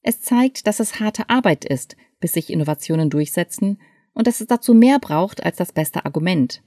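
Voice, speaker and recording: Female narrator, mellow lower voice, scripted essay read, dry booth. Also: lively intonation, dry recording. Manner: clear, measured reading. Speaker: article reader.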